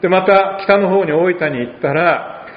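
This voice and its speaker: A man with a slightly high voice and an Oita Japanese accent delivers a sermon as a pastor. He talks in a conversational way, with dialect asides and light humor. His voice rings through a large, reverberant church hall, and the sound is a little muffled. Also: moderate pace.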